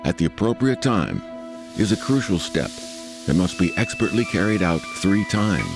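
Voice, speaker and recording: A man's voice: deep voice, animated, normal speed. A man reading scripted documentary narration as the narrator of a program. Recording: background music under narration. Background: music.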